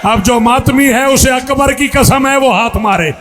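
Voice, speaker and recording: Impassioned, high-voiced mourning reciter. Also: male voice, unhurried, noisy background. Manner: impassioned, lamenting, often shouting to the crowd. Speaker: majlis reciter of mourning narratives. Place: mourning gathering.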